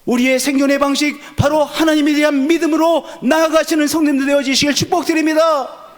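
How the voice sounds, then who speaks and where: A pastor in his sixties preaches, posing questions to the congregation and answering them himself. He speaks steadily and quickly, swinging from loud, urgent peaks down to low, hushed endings.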